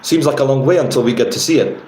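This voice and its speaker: A man reading aloud from his own novel, raising his pitch to voice a young desert nomad girl who is proud of her family. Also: fast, a little mellow, echoey room, a little hiss or hum, lightly acted, rough recording. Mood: wistful.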